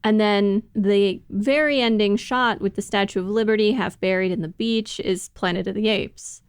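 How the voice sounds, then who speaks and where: A woman co-hosts a casual podcast discussion with a smooth, resonant voice. She is recorded close and dry, with no room sound. She explains things carefully and often laughs while she talks. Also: medium pitch, steady tone, normal speed, dry recording. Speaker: podcast co-host.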